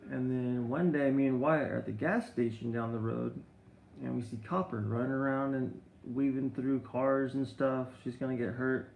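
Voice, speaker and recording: A man's voice: mid-range voice, steady tone, normal speed, gravelly, a little mellow, reverberant, slight background noise, poor audio. A middle-aged man on a live stream, telling long rambling stories with many restarts and answering viewer comments. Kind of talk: casual live-stream chat.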